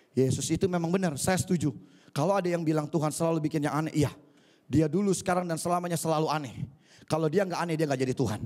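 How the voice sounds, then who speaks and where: A male pastor preaching a sermon for an online church service, lively and acting out scenes, with English phrases mixed in. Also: on the high side. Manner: animated, acts out scenes, mixes in English phrases.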